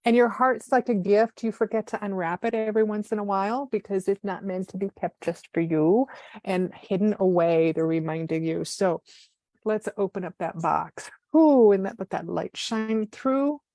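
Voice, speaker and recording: A woman channeling spiritual messages live on a video call, speaking in a soft, reverent way with breathy sighs. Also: medium pitch, moderate pace, no room sound. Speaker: guest channeler.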